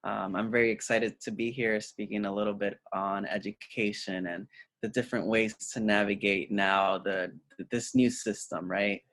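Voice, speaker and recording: A middle-aged man from Puerto Rico, an educator guest talking casually in an interview, pausing often with fillers and restarts. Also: fairly low pitch, flat delivery, fairly bright tone, no echo. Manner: hesitant, many fillers and restarts.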